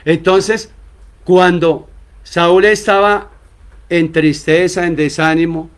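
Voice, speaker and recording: A man's voice: high voice, fairly even intonation, slow. A man preaching a sermon as pastor, asking the congregation rhetorical questions and acting out short quoted exchanges between church members.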